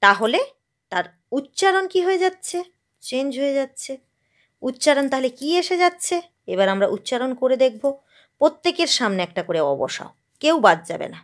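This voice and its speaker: A woman's voice: high-pitched, very animated, normal speed. A woman from West Bengal teaching a Sanskrit grammar lesson, asking her own questions and drilling verb forms.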